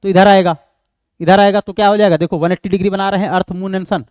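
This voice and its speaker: A man's voice: high voice, little pitch movement, a little mellow, no room sound, studio quality. A man with an Indian accent giving an exam-prep lecture, explaining step by step and answering his own questions. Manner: reads English question text slowly. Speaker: teacher.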